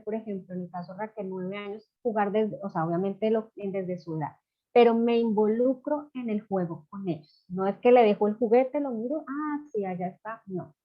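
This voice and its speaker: A woman's voice: mid-range voice, lo-fi sound. A woman teaching parents in an informal online masterclass, talking loosely with many fillers. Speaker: parenting educator.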